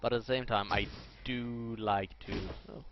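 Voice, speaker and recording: A Swedish-accented man casually commentates on his own video game match at a moderate pace, his mid-range voice keeping a fairly even intonation. He thinks aloud, corrects himself, and tosses in chatty asides. His lo-fi mic picks up loud game sound effects and clicks behind him.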